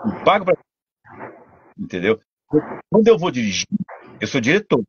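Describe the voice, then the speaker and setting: An older man with a Brazilian Portuguese accent, a voice actor and dubbing director telling stories in a casual interview, animated and full of restarts. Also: medium pitch, normal speed, lo-fi sound, slight background noise. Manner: animated storytelling, many restarts.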